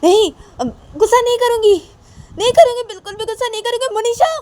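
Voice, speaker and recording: Woman doing shrill furious young woman Nisha. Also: expressive, brisk, gravelly, a little hiss or hum. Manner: shrill, shouting, near tears.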